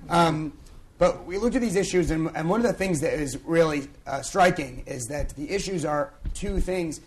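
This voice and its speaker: A hoarse young man who has lost his voice, opening a conference panel in a conversational way with many fillers. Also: on the high side, moderate pace. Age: young adult. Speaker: panel moderator. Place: conference event on stage.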